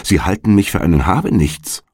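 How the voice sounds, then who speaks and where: A deep-voiced man reading a needling young man. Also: very animated, brisk, darkish tone, slightly rough, no echo, clean studio sound, heavily acted. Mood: goading. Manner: insistent, goading questions.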